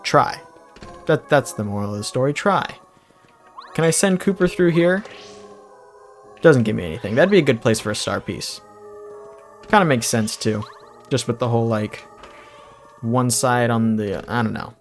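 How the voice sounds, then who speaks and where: A man talks through a video game in a relaxed, rambling way, tossing off small jokes between moves. His voice sits at an ordinary middle pitch. Faint game music runs underneath. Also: moderate pace, long pauses. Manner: rambling, jokey asides. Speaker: let's play commentator. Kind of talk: casual gameplay commentary.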